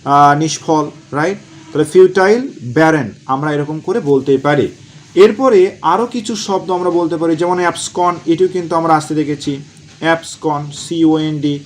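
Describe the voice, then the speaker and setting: A man teaching exam vocabulary, asking questions and answering them himself, repeating key words slowly. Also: on the high side, a little hiss or hum. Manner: asks and answers his own questions, drills words slowly. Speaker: exam prep tutor. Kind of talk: vocabulary lesson.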